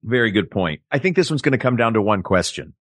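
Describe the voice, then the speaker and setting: Animated man hosting a comedy podcast. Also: fast, no room sound, studio quality. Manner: animated, playful, builds up jokes with big pitch swings. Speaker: podcast co-host. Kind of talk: comedic casual chat.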